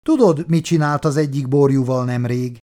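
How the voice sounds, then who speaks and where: A man's voice: mid-range voice, warm tone, pitched above the performer's own voice, lightly acted. A man doing a doubtful male colonist. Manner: uncertain.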